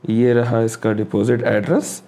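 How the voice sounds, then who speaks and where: Mellow-voiced man walking through a screen tutorial. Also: medium pitch, flat delivery, a little slow. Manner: casual, thinks aloud while clicking through steps; mixes English phrases into his speech. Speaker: crypto tutorial host. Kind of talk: screen-recorded walkthrough tutorial.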